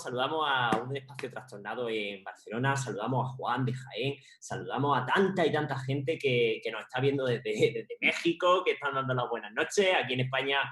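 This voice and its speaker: A man's voice: medium pitch, fairly bright tone, slight background noise. A male host of a live stream, greeting viewers effusively and passing questions to guests. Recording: roomy echo.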